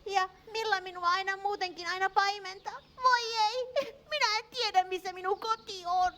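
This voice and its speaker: Woman doing a fretful little lost sheep, squeaky. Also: slight background noise. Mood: flustered. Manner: excitable, fretful, many little cries. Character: anxious clumsy little lost sheep, female. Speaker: puppet character.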